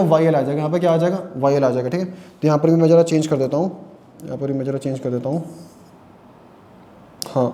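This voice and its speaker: Tired, high-voiced male chemistry teacher. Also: warm tone, roomy sound. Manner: repeats questions and answers them himself; speaks Hindi mixed with English terms. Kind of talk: classroom lecture.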